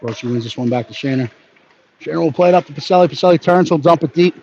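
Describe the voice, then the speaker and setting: A man giving brisk live hockey play-by-play, narrating each pass and leaning toward the home team. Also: fairly high pitch, dark tone. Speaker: play-by-play announcer. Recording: dull lo-fi audio with faint background noise.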